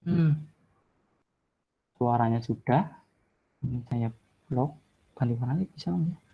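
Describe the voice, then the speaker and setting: A man of middling pitch walks teachers through an online screen-share lesson. He is chatty and keeps apologising, talking his way through each click. The sound is a little muffled, like a video call. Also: takes it slowly, creaky, breathy edge. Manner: chatty, apologetic, thinks aloud while clicking. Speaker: teacher-training presenter.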